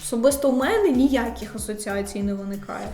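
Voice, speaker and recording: A woman teacher in a scripted explainer video, who slows down to set correct word stresses against wrong ones. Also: fairly high pitch, expressive, dark tone, reverberant. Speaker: exam-prep teacher.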